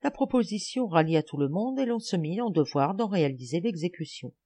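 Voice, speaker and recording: A woman reads a classic story aloud with a lively, rising-and-falling delivery. Her narration is expressive and animated, carrying the scene forward. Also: fairly low pitch, brisk. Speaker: audiobook reader. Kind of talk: literary audiobook narration.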